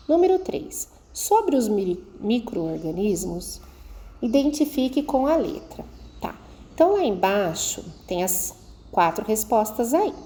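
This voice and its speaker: A woman's voice: mid-range voice, dark tone. A woman, a schoolteacher recording a video lesson for children and explaining patiently step by step, checking in often with her pupils.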